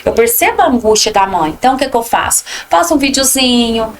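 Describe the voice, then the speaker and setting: Brazilian preschool teacher, faint noise. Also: female voice, fairly high pitch, animated, quick pace. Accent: Brazilian Portuguese. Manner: warm, reassuring, tells anecdotes with quoted lines. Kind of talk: casual podcast conversation.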